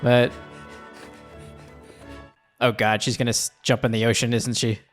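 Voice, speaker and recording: A man's voice: mid-range voice, level tone, a little slow. A man giving casual, informal and sweary reaction commentary while watching an anime film. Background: faint music from the film.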